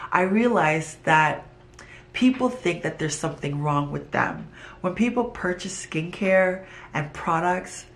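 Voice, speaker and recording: A middle-aged woman, originally from Trinidad and Tobago, gives a heartfelt pitch for her business. Her voice sits a little low, and she speaks earnestly, sometimes restarting a phrase as she searches for the words. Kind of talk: pitch video monologue.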